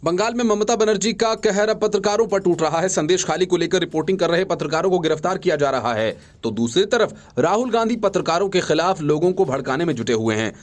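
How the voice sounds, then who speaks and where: A man reading scripted news reports as a voice-over, in a brisk and emphatic bulletin style. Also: high voice, animated. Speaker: news reader.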